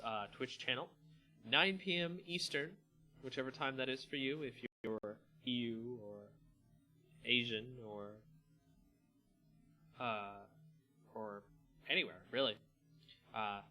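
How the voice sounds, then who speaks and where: A male channel host on a livestream shifts between casual chatter and dramatic story reading. His voice is medium-pitched and sharp in tone, the audio quality is poor, and background music plays behind him.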